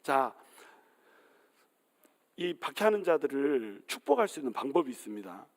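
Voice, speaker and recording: A man's voice: mid-range voice, big pitch swings, normal speed. A male pastor preaching a sermon, telling humorous stories, acting out the people in them and putting questions to the congregation. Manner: humorous storytelling, acting out quoted voices, asking the congregation questions. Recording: long hall reverb.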